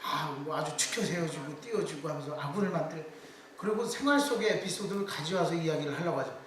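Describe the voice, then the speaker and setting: Middle-aged male lecturer, high voice, lively asides, heard from a distance in a very echoey hall. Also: slight background noise. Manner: animated storytelling with quick asides to the audience. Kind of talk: public lecture.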